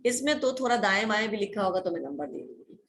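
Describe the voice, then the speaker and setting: A woman's voice: mid-range voice, animated, quick pace, a little hiss or hum. A woman college teacher giving an online class lecture, explaining firmly and checking in with her students again and again.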